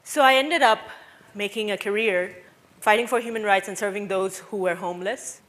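On a stage before a seated audience in a dark hall, a thirtyish woman from Bangladesh shares a personal talk over a headset mic. She has a medium-pitched, slightly bright voice at normal speed, and comes across as earnest and reflective, with frequent pauses.

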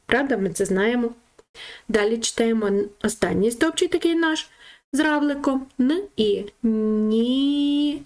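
A woman's voice: on the high side, darkish tone. A woman teaching a children's reading lesson, sounding out syllables one by one and praising her pupils. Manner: slow, syllable-by-syllable, encouraging.

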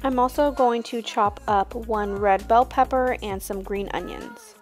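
A young woman hosting a cooking channel, explaining each recipe step in a relaxed, casual voice-over. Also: fairly high pitch, a little slow, music in the background.

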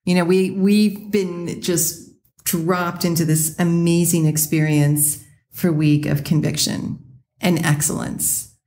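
A woman's voice: lowish voice, level tone, slow pace, warm tone, a little hiss or hum. A woman co-hosting a podcast, earnest and encouraging in a reflective chat. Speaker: podcast co-host.

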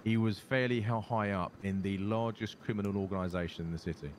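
A man's voice: on the low side, steady tone, fast talker. A British man chatting in character in a game, sweary and matey, over noisy game ambience. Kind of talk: improvised in-character game chat.

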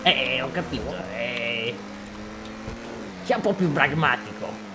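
Theatrical, animated man role-playing in a game. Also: medium pitch, slow. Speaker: role-play gamer. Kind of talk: improvised in-character game chat. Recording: clear background game and vehicle noise.

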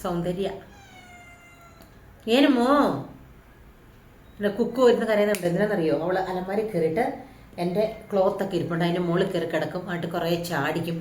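A woman's voice: lowish voice, fairly even intonation, racing, darkish tone, a little hiss or hum. A woman from Kerala with a Malayali accent, chatting casually through a home beauty vlog and often checking in with her viewers. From Kerala, India. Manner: chatty, often ends lines with a tag asking the viewer. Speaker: beauty vlogger. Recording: echoey room.

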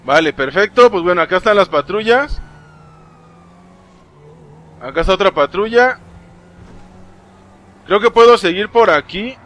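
A young man with a Mexican Spanish accent, giving live gameplay commentary, excitable and swearing often as he talks to game characters. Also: high voice, unhurried, long pauses. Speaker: gaming streamer.

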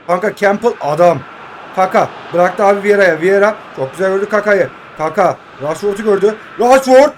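A young man in his twenties with a fairly high voice calls his mobile football match pass by pass. He jokes, grumbles at his opponent and chats to viewers like friends. A faint hum of room ambience sits under his voice. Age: 20s. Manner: excitable joking play-by-play, addresses viewers as friends. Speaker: mobile game streamer. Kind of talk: casual gameplay commentary.

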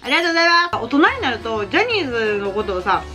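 A woman's voice: a little high, very animated, racing. A young woman with a Kansai accent, chatting casually and giggling as she eats at the table for her vlog. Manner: chatty and giggly, self-deprecating. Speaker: vlogger. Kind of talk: casual chat while eating. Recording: background music under the voice.

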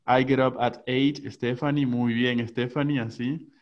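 A man's voice: mid-range voice, flat delivery. Man teaching English over a dull call line. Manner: switches between slow English examples and quick Spanish explanations. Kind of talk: online class.

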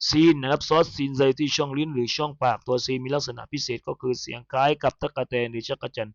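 A man teaching Quran recitation. He spells verses letter by letter in a chanted tone, then explains how each sound is made, slowly and politely. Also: mid-range voice, vocal fry, no echo, highs cut off.

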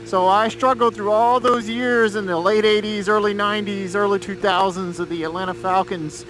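A man in his thirties with an American accent talks casually from inside a motorcycle helmet as he rides. His voice sits high and sounds bright and forceful. Faint engine and road noise runs behind him. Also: steady tone, normal speed, low-quality recording. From Georgia, United States. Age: 30s. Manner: talking from inside a helmet while riding. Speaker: motorcycle vlogger. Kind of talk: casual chat while riding. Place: outdoors on a moving motorcycle. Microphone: mic inside a helmet.

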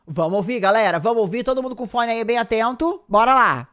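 A woman with a Brazilian Portuguese accent hosting a reaction commentary. She speaks in an expressive, exclamatory way. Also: a little high, quick pace. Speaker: commentary host.

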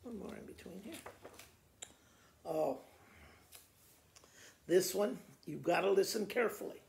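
A gravelly, high-voiced older man with an American accent, a school principal, recites children's poems for his pupils in a measured, storytelling way. The reading happens indoors by a living room fireplace, captured at a distance by a camera in an echoey space.

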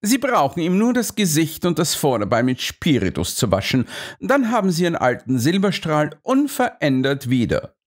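A male audiobook narrator voicing a calm, unshakable detective who speaks with quiet assurance. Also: a little high, pitched above the performer's own voice. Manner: composed, unhurried and assured. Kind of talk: audiobook character voice.

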